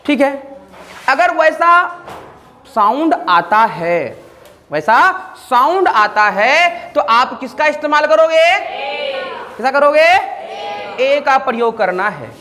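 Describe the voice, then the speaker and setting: A man's voice: very high-pitched, big pitch swings, takes it slowly, long pauses, bright, forceful tone, a little hiss or hum. A man teaching an English grammar lesson, repeatedly asking the class questions and answering them himself.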